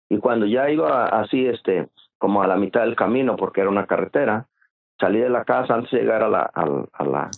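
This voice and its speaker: Gravelly man on a phone line. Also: on the low side. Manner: halting, repeats and restarts words often. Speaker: interview guest. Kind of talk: personal storytelling in an interview.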